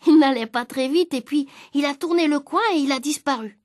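A woman reading a children's story aloud in the voice of the boy narrator, lively and expressive. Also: sits high, a little fast, no echo, studio quality.

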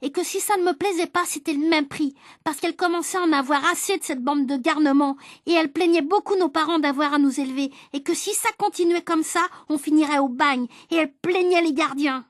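A woman reads a children's storybook aloud with a high, clear voice and lively, even pacing. The sound is dry and close, with no room around it. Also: a little fast, hardly any pauses, no room sound. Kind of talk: storybook reading.

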